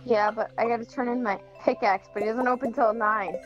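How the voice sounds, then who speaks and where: A woman's voice: fairly high pitch, fairly even intonation, brisk, dull audio, faint music behind. A woman playing a co-op game from bed, talking bluntly and bossily through earbuds. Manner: blunt, bossy, swears. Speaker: co-op player. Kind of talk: casual co-op gameplay chat. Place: in bed at home. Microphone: AirPods.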